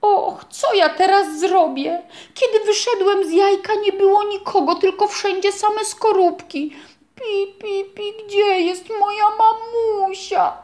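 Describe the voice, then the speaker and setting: Woman doing a squeaky lost baby chick. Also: lively intonation, slow pace. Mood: tearful. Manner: high squeaky peeping. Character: tiny lost baby chick, tearful and clingy. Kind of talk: storybook character voice.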